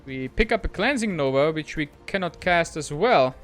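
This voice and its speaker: This is a man with a notably high voice giving gameplay commentary. He talks quickly and excitably and pokes fun at himself. Faint background music plays beneath him. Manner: excitable, quick, self-mocking. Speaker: gaming channel host.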